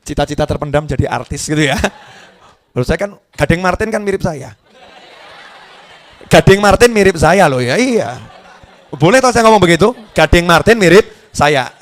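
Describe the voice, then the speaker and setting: A middle-aged male preacher, speaking in a fairly high voice. He jokes and chats easily with the crowd, breaking off words and rushing ahead in bursts. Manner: lively, joking, conversational. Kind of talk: sermon to a live audience.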